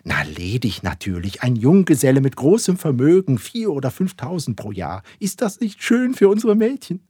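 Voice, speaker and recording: A man voicing a fussy, excitable middle-aged mother who is set on marrying off her daughters, impatient and pushy. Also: mid-range voice, normal speed, husky, no echo, studio quality, voice pushed up. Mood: eager.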